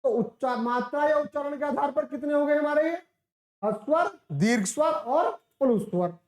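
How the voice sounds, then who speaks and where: A woman teacher gives a classroom lecture, explaining step by step, posing questions and answering them herself, and drawing out sounds to demonstrate them. Her voice sits high with a darkish tone at a moderate pace, and the recording sounds roomy.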